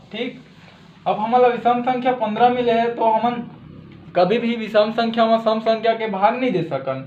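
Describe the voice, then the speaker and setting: A man's voice: very high-pitched, echoey room, narrow, tinny audio. A man with a Chhattisgarhi accent teaching a step-by-step math lesson, often checking in with "thik hai".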